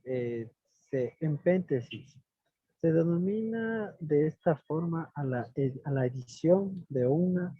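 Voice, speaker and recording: An Ecuadorian man, a student, reading aloud haltingly in an online class over a video call. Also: a little high, animated, husky, dry recording. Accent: Ecuadorian Spanish. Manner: slow, halting reading with restarts. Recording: tinny, dry phone-like line.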